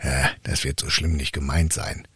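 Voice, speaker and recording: A man's voice: rumbling low, flat delivery, moderate pace, a bit bright, husky, dry recording, studio quality, voice pushed down, heavily acted. A man reading a fairy tale aloud, voicing a sly village sexton who mutters his schemes to himself.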